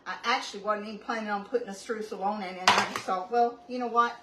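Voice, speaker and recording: Talking fast in a medium-pitched drawl, a woman running a home cooking channel demonstrates a recipe casually and wanders into cozy tangents. The recording is noisy and roomy, with her sounding distant in an echoing kitchen over constant background noise.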